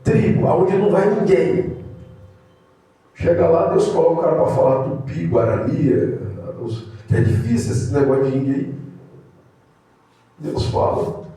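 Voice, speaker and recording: Brazilian evangelist in a very echoey room. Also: male voice, a little slow, pauses often, recorded from a distance. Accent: Brazilian Portuguese. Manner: storytelling, animated, with sudden high exclamations. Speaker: evangelist teaching theology. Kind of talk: informal sermon-style lesson. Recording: very echoey room, speaker away from mic.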